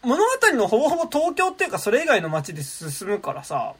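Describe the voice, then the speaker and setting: Man, podcast panelist, casual chat, rambling, lots of fillers, fast, very animated pitch. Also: husky. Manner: rambling, many fillers and restarts; lively, laughing asides. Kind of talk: casual chat about a film.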